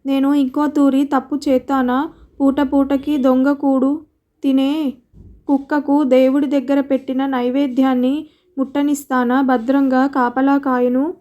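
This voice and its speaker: Storybook: woman reading an earnest troubled young wife, high and flat. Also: a little slow.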